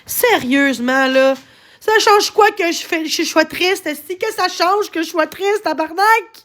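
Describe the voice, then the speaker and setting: A Québécois woman with a very high voice rants to her live-stream viewers. She sounds agitated, rambles from one complaint to the next and swears often. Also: unhurried, a bit bright. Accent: Québécois French. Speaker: livestreamer. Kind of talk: casual live-stream rant.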